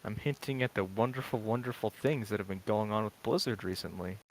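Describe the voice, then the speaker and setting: A man's voice: fairly low pitch, steady tone, brisk, crowd noise, rough recording. A man co-hosting a podcast with casual, sarcastic banter. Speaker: podcast co-host.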